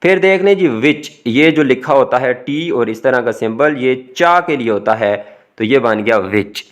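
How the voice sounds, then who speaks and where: A man's voice: medium pitch, expressive, measured pace. A man, an English teacher explaining a recorded lesson step by step, his voice rising on each new word and dropping to finish it. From Pakistan.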